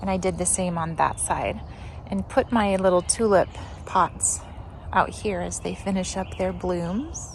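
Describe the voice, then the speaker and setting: A woman with a fairly low, creaky voice talks a little slowly as she gives a casual tour of her backyard vegetable garden for a garden vlog, chatting and thinking aloud. Birds and outdoor ambience make the recording noisy.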